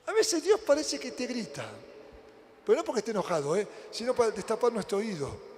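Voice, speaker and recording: An Argentine pastor with a strikingly high voice preaches a sermon, moving from loud emphatic lines to hushed near-whispers. He keeps asking his listeners rhetorical questions. The sound rings with a long church-hall reverb over a faint background hiss. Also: very animated, fairly quick. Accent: Argentine Spanish.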